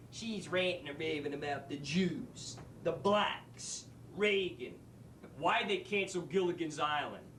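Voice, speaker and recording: A man doing a brash New wise guy teacher, lively swooping voice, echoey stage from afar. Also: fairly high pitch, a little hiss or hum. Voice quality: wisecracking, streetwise, animated. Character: brash male New York street-smarts teacher. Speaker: actor in a drama school showcase monologue. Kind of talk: stage monologue. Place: theater stage. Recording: echoey stage from a distant mic.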